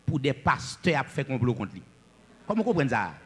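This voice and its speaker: A man preaching a sermon, swinging between loud declamations and low asides. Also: big pitch swings, moderate pace, long reverb tail.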